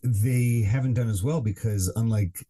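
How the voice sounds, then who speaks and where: A man's voice: medium pitch, normal speed, dark tone. A man co-hosting a podcast in casual chat, rambling with lots of fillers and restarts. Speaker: podcast co-host.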